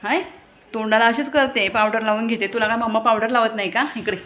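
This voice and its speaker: A woman's voice: on the high side, steady tone, fast, fairly bright tone, a little hiss or hum. A young woman from Maharashtra, a mother of two, chatting casually to her viewers at home and scolding her kids in between. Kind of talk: casual family vlog chat to viewers. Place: home with a gallery.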